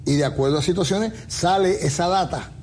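Preaching man, slightly higher voice. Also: a little fast, over a noisy crowd. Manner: preachy, uses everyday comparisons. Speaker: pastor co-host. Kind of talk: faith talk show answering questions.

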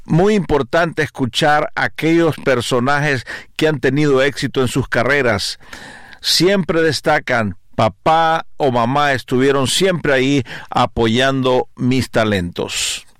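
A man's voice: mid-range voice, slow pace, fairly bright tone, no room sound, studio quality. A man who is a pastor and family counselor, hosting an interview and giving parents earnest advice.

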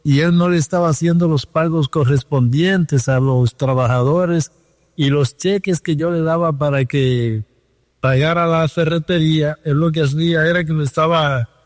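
A man's voice: on the high side, steady tone, moderate pace, dry recording, studio quality, long reverb tail. A man with a Dominican accent, a guest telling his life story earnestly over a phone line. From Dominican Republic.

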